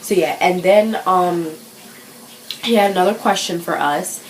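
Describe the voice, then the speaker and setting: A woman's voice: fairly low pitch, unhurried, a little hiss or hum. Teenage girl, casual vlog chat, lots of fillers, echoey room. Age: teens. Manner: chatty, self-conscious, full of fillers. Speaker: vlogger.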